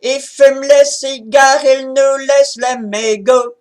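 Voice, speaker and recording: A woman from Belgium. She speaks softly to introduce a folk song, then leads its call-and-response chorus over a video call. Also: high-pitched, flat delivery, slow pace, loud music behind the voice. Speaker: folk singer. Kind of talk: folk song performance at an online sing.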